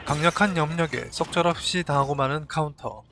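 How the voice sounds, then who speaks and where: Slightly high-voiced man narrating a drama recap. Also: fairly quick. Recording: voice-over with faint music behind.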